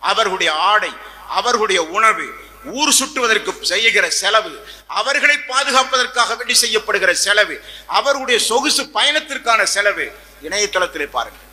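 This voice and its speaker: High-pitched preacher guy, really sharp bright voice, long hall reverb, keeps repeating himself. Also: lively intonation, normal speed. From Tamil Nadu, India. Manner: impassioned, repeats phrases and fires rhetorical questions. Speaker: Islamic preacher. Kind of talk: sermon.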